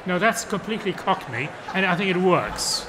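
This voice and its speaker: A man's voice: sits high, lively intonation, normal speed, background noise. A man on a book fair panel reading his translated excerpt aloud and explaining it, voicing the characters' lines as he goes. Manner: acts out the characters' lines in shifting voices.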